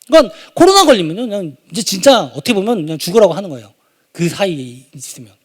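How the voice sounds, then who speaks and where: An animated pastor in his thirties gives a sermon in a high, lively voice. He drops to near-murmurs, then bursts out loud. The talk is full of stories from his own family life. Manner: animated, swings from quiet asides to loud exclamations. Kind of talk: sermon with personal story. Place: church sanctuary.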